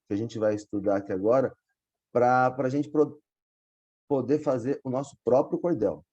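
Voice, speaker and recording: Patient male teacher, dark muffled voice. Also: medium pitch. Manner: patient, explains step by step with frequent check-ins. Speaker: poetry workshop teacher. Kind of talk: online class explanation.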